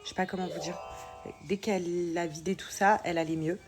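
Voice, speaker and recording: Young mum vlogger, female, low register, blocked nose and sore throat, loose colloquial delivery. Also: steady tone, brisk, music in the background. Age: young adult. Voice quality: congested, nasal, sore-throated. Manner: informal, colloquial, hesitant. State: coming down with a cold, sore throat. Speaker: mother vlogging about family life. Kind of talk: casual chat to followers.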